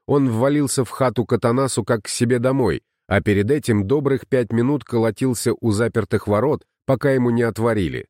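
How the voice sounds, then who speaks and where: A man narrating an audiobook in a steady storytelling manner. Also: fairly low pitch, dry recording, studio quality. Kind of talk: scripted narration.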